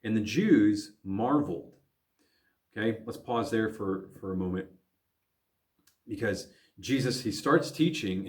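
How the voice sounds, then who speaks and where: A man, a pastor from the American Midwest, teaching a recorded Bible lesson for teens, thinking aloud with frequent fillers and restarts. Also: on the low side.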